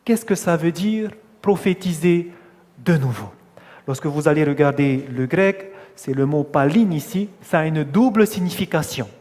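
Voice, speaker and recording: A man's voice: a little high, animated, moderate pace, a little mellow, in a large hall. A man preaching a sermon, putting questions to his listeners and stressing key words as he answers them. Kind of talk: sermon teaching.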